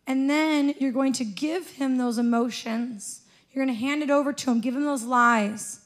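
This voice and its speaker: A young woman with a fairly high voice leads a congregation from a church stage, gently coaching them. She speaks into a handheld microphone in a church auditorium. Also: moderate pace. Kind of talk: sermon with guided prayer. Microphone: handheld mic.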